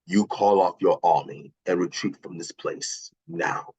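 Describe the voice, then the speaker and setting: Guy doing a deep husky thunder god, formal and grand. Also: very animated, measured pace, a little mellow, heavily acted. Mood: commanding. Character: young boastful thunder god, man. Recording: dull lo-fi.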